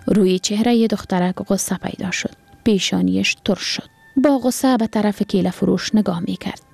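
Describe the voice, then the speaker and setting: A woman reads a story aloud in soft, near-whispered narration with an Afghan Dari accent. Her voice is dark and mellow, heavily gravelly, with a husky, breathy grain. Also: medium pitch.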